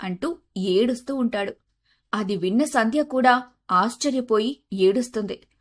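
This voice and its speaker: A woman's voice: a little high, measured pace. Woman narrating a storybook. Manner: steady, plain storytelling.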